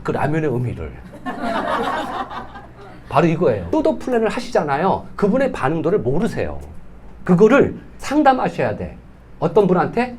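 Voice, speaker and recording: This is a man lecturing at a sales training seminar. His voice sits high and carries a husky grain. He leaps around in pitch as he presses rhetorical questions on the room and acts out little exchanges. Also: a little mellow. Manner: emphatic, fires rhetorical questions at the audience; acts out quoted dialogue. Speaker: business team leader giving a seminar.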